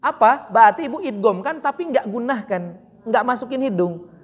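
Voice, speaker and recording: A woman teaching Quran recitation, patiently correcting a student and slowly demonstrating sounds. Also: on the high side, animated, slightly rough, big-room sound. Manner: drawn-out chanted example words. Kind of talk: online recitation correction lesson.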